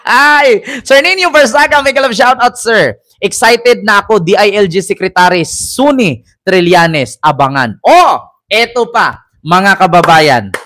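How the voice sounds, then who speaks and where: A man's voice: high voice, expressive, unhurried, bright, forceful tone. A man hosting casual political commentary, rambling and mocking, and mixing English phrases into his talk.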